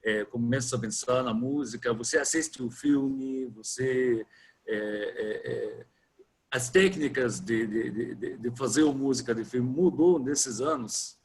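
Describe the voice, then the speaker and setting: A man's voice: medium pitch, breathy edge. Man on a glitching, breaking-up call. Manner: halting, with many restarts and repeated words. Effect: choppy, glitching video-call audio that keeps breaking up. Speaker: interviewer. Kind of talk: remote video-call interview.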